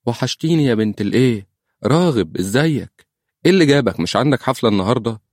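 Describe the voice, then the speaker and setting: A man's voice: medium pitch, quick pace, dry recording, studio quality, pitched above the performer's own voice, natural voice. A man voicing a playful young woman in an Egyptian accent, in an audiobook. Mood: excited. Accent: Egyptian Arabic. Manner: playful, excited. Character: teasing young woman, lively.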